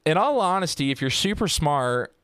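A man talks through a true-crime case on a podcast in loose, joking, profane chat. His voice is smooth and clear, and the recording is dry and close. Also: fairly high pitch, sing-song, normal speed, a bit bright, no room sound. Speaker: podcast host.

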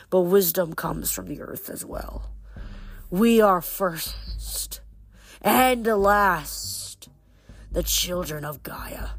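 A woman reads as an ancient serpent king, bitter and old, drawing each word out slowly as though half in a trance. His voice sits low and soft, with a little music faintly underneath. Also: creaky, husky, exaggerated voice. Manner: slow, entranced delivery.

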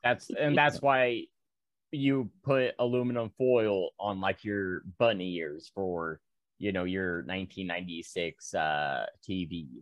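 A man's voice: sits low, fairly even intonation, a little slow, dry recording, lo-fi sound. A man co-hosting a podcast, casually running through odd news stories with lots of ums and asides. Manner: rambling, filler-heavy news rundown. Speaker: podcast co-host. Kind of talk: casual chat.

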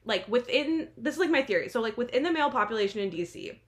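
A woman in her late twenties from New Jersey with an American accent, chatting casually as a podcast guest in an animated, wry, self-deprecating way. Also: on the high side, fast talker. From New Jersey, United States. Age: late 20s. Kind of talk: casual interview chat.

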